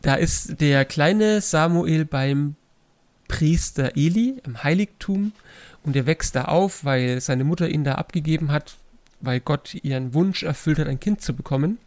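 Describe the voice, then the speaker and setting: Young male pastor, relaxed storyteller, dry close mic. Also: a little high, unhurried, no echo. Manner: relaxed storyteller, acts out voices in retellings. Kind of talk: casual faith podcast chat.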